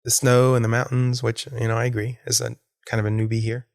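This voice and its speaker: A man's voice: medium pitch, level tone, fast talker, gravelly, no room sound, clean studio sound. A man hosting a podcast, rambling with enthusiasm about a concert and laughing often. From Florida. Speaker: podcast host. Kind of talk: casual solo podcast monologue.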